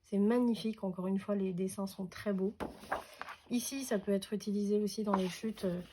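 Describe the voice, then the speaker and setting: A woman talks through a craft parcel unboxing, pausing often and restarting her sentences. Her voice is mellow and sits at a middle pitch. A faint noise is heard behind her. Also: steady tone. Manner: hesitant, many fillers and restarts. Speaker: craft vlogger. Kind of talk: casual unboxing chat.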